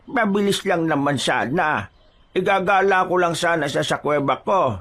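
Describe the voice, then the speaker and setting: A man's voice: on the high side, animated, moderate pace, fairly bright tone, pitched above the performer's own voice. A man voicing an old male forest hermit who is friendly on the surface but sinister, talking in a folksy, hesitant way full of fillers. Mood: wheedling. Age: older.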